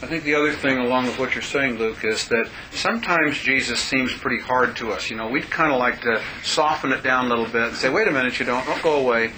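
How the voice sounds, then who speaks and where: A man's voice: mid-range voice, a little fast, few pauses, pushed and bright, a little hiss or hum, poor audio. A man leading a group discussion, earnest and emphatic, preaching his points. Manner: earnest, emphatic, addresses others by name. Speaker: discussion leader.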